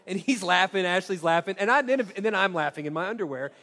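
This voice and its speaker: A high-voiced man in his forties tells a story from the stage, acting out every line of dialogue with self-mocking animation. His voice rings out with a long reverb through a large hall. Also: animated, quick pace, pushed and bright. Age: 40s. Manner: acts out quoted dialogue expressively, self-mocking.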